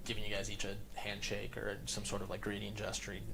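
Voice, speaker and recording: A man narrating as game master in a tabletop game, loose and relaxed with lots of fillers. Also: lowish voice, quick pace, vocal fry, noisy background.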